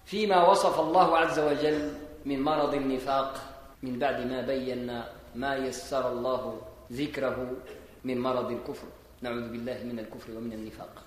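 Moroccan preacher in a booming echoey hall. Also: male voice, fairly even intonation, normal speed. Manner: explanatory, mixing formal speech with dialect, emphatic rises. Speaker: Islamic preacher. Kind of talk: sermon explaining scripture. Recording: echoey hall with long reverb.

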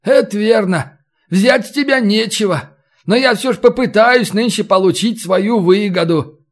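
In an audiobook, a man doing a boisterous brawler, loud and mocking, haggling over a prize. The voice sits high and moves with swaggering energy. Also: measured pace. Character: boisterous bargaining male brawler, Belarusian.

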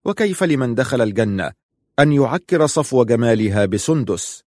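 A man narrating a novel in a steady, reflective audiobook reading. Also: mid-range voice, normal speed, dry recording, studio quality.

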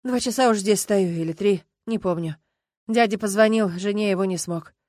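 A numb, grieving man, as a woman reads him in an audiobook, his words dull and flat. The sound is dry and close. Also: mid-range voice, normal speed, no room sound, close to an everyday voice. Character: shaken grieving middle-aged man. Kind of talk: audiobook narration.

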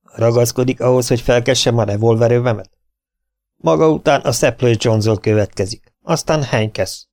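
A man voicing a quiet, dangerous young gunman who speaks hoarsely, almost in a whisper. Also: medium pitch, no room sound, natural voice. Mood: cold, quiet. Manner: hushed, hoarse, nearly whispering.

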